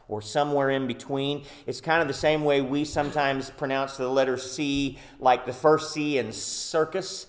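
Man, pastor, sermon, earnest and emphatic, filler words, church. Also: medium pitch. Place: church sanctuary.

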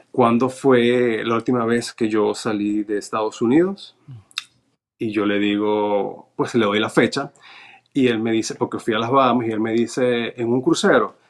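A man from Venezuela, recounting events step by step in casual conversation. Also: fairly low pitch. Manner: recounts events step by step, reading notes aloud. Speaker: interview guest. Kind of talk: casual storytelling.

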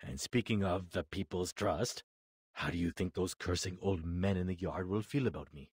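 A man's voice: low voice, normal speed, a little mellow, husky, no echo. An actor voicing a reluctant, self-doubting male leader in a game, with a dry, self-deprecating delivery. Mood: weary. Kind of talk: game voice acting.

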